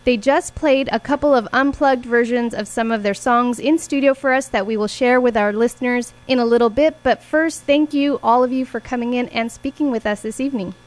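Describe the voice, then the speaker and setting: A woman hosting a community radio interview from the studio, with clear, scripted introductions. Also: fairly high pitch, brisk, few pauses. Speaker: radio host.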